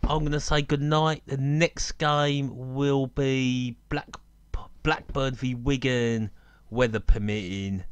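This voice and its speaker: A man's voice: mid-range voice, fairly even intonation, takes it slowly, smooth, no room sound. Chatty, opinionated football commentator man. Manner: chatty and opinionated, laughs at his own jokes. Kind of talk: casual live match commentary. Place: outdoor football stadium on a cold evening.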